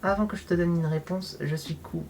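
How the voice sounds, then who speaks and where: A man doing a clingy, scheming schoolgirl from a visual novel. He lifts his voice a little higher and makes it coaxing and pleading. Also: a little fast, a little mellow, slight background noise, close to an everyday voice.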